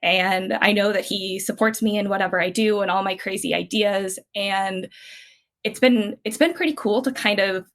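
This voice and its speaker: A mid-range voice at a moderate pace belongs to a Californian woman in her thirties. Appearing as a podcast guest, she tells family stories in casual, chatty, rambling fashion, with frequent restarts and fillers, and she laughs easily.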